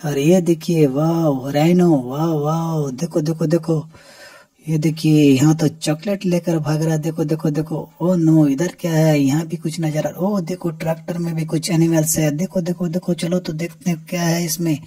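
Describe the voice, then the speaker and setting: A man narrating a toy show-and-tell with eager excitement, calling out each item and repeating "look, look" again and again. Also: fairly high pitch, normal speed, slightly rough.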